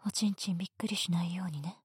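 A woman voicing a teasing, domineering female teacher in a whispered roleplay, speaking in a soft, breathy, bossy way. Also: fairly low pitch, racing, no echo, studio quality. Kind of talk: erotic ASMR roleplay.

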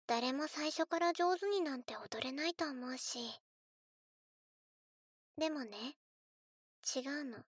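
A woman's voice: high voice, fairly bright tone, no room sound, studio quality. A woman voicing a spoiled, eerily sweet little girl in a scripted role-play, cutesy and coaxing as she speaks to the listener as if to her doll. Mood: scolding, disappointed. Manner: cutesy, coaxing, childlike, refers to herself in third person.

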